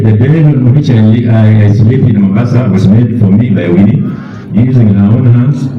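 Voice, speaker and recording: A mature Kenyan man giving a eulogy as a bereaved father, speaking deliberately and repeating words for emphasis. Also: mid-range voice. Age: middle-aged or older. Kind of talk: eulogy speech. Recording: echoey, distant, dull public-address sound.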